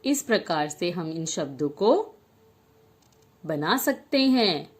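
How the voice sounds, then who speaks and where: A woman teacher takes young children through a spelling lesson at a very slow pace. She speaks one word at a time and draws each one out so the children can repeat it after her. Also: sits low, sing-song. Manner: slow, drawn-out word-by-word dictation.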